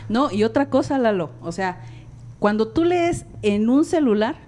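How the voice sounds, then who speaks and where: A woman's voice: a little high, measured pace. A woman with a Mexican accent, a former librarian, chatting as a guest and acting out the dialogue in her stories. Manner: lively storytelling, acts out quoted dialogue. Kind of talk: casual chat.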